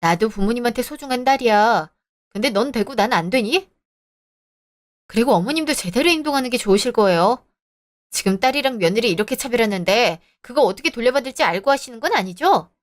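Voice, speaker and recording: A woman's voice: a little high, expressive, brisk, lightly acted. A woman voicing a young married woman who talks back in cold, cutting retorts, in a scripted audio drama. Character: young married woman, sharp-tongued, defiant. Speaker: daughter-in-law.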